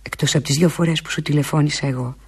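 A woman performing a theatrical monologue as a lovesick woman pleading with an absent lover, intimate and often slipping into breathy half-whispers. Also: low-pitched, steady tone, a little mellow. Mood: wistful.

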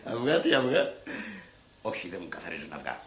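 A man with a bright, lively voice tells a comic phone story in mocking, animated bursts, tapping out sound effects with his mouth. The recording sounds roomy, with faint noise under it. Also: sits low. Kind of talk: comedy monologue.

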